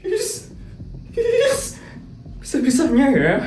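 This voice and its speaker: Woman doing a bratty rich cartoon schoolgirl, high squeaky voice, mocks everyone, echoey room. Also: huge pitch swings, slow, a little hiss or hum, full character voice. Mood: gloating. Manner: taunting, giggly, loud. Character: spoiled boastful rich schoolgirl, mocking and jealous. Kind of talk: cartoon voice acting.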